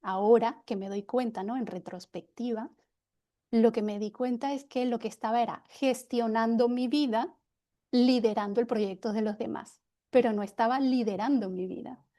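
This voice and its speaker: A middle-aged woman from Venezuela with a Venezuelan accent, speaking reflectively as a webinar panelist, often pausing and restarting. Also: a little high, steady tone, dark tone. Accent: Venezuelan Spanish. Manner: reflective, many hesitations and restarts. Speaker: panelist, personal development consultant. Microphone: video call.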